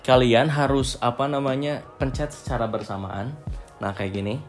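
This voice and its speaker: A vlog host reviews gear in a casual, off-the-cuff way, often hesitating and leaning on filler phrases. His voice is medium-pitched with a steady tone at a moderate pace. Faint music plays behind him.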